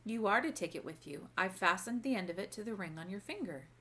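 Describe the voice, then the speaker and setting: A woman voicing a kindly, wise old grandmother in a storybook, gently and formally giving instruction. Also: medium pitch, expressive, fast, natural voice. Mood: gentle. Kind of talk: storybook read-aloud character voice.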